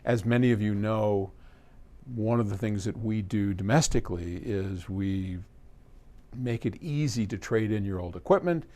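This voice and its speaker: Speaking at a moderate pace in a fairly low, mellow voice, a man answers viewer questions off the cuff to camera. He's hosting from a trade-in equipment warehouse and wanders conversationally, adding asides and fixing his own words.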